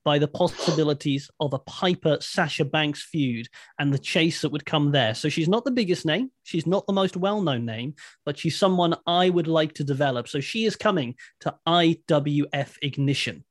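A man's voice: on the high side, moderate pace, no echo, studio quality. A man co-hosting a casual podcast, talking with enthusiasm and emphasis. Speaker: podcast co-host.

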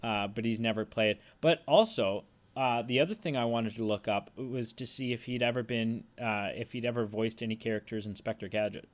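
A man's voice: medium pitch, steady tone, a little fast, few pauses. A man co-hosting a casual podcast, chatting about a film in a loose, filler-heavy way. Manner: chatty, tangent-prone, lots of fillers. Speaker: podcast co-host. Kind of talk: casual movie review chat.

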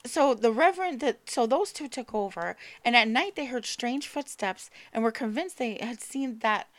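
A woman's voice: a little high, expressive, moderate pace, a bit bright. Stumbling, casual woman telling a ghost story. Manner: stumbles over names and words, laughs at herself; swears casually. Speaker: podcast co-host telling the story.

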